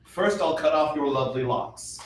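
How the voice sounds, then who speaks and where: A man's voice: fairly high pitch, lively intonation, normal speed, a little hiss or hum, natural voice. An actor playing an arrogant, hot-tempered young king in a stage reading, barking orders with contempt. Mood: scornful. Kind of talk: stage reading of a musical play. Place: theater stage. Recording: very echoey hall, mic far off.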